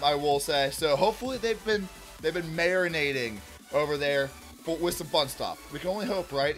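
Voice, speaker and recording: Seated at a table in an indoor room, a thirtysomething card-opening channel host chats eagerly through an unboxing, addressing everyone as "y'all" while he's losing his voice. His tone is slightly high and a touch bright, and his mood stays cheerful.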